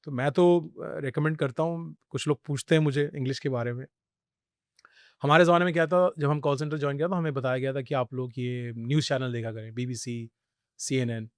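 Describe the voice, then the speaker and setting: Speaking briskly in a mid-range, clean-toned voice, this middle-aged man from India is a podcast guest sharing animated stories in conversational Hindi peppered with English phrases. It's studio-quality audio with no room sound.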